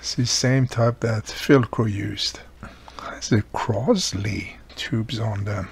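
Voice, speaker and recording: A radio repairer hosts a casual repair session at an indoor bench, his gravelly voice fairly low in pitch. He talks slowly, with fairly even intonation, making short remarks between tasks. The recording is noisy, with background room noise.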